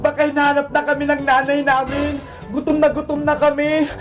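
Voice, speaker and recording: A woman's voice: high-pitched, flat delivery, brisk, music in the background, lightly acted. A woman voicing a frightened little girl who pleads politely to be let go. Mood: pleading. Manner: pleading, scared.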